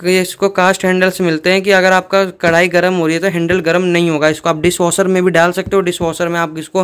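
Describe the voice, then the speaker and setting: A man's voice: sits high, fairly bright tone, smooth. A man doing a casual unboxing review, chatting to viewers and explaining each step plainly. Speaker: product reviewer.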